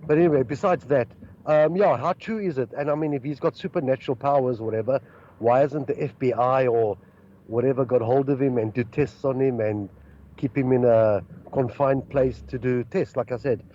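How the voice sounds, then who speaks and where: A man's voice: medium pitch, moderate pace, warm tone. A man asks a rambling, hesitant question in a recorded voice message that is played on the radio. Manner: rambling, hesitant, with many fillers. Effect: recorded voice message played on air. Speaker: listener sending in a question. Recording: dull lo-fi voice note with faint street traffic.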